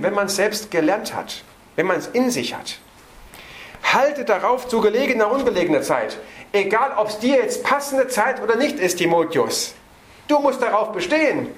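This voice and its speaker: A man preaching an evening sermon on a Bible passage. He stresses words by slowing down and hurries through his asides. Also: sits high, a bit bright, echoey room.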